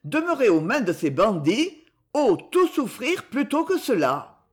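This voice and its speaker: A woman's voice: a little high, very animated, measured pace, husky, voice pushed up, full character voice. A woman voicing a frightened, devout young woman who pleads and prays. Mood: pleading. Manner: pleading, tremulous.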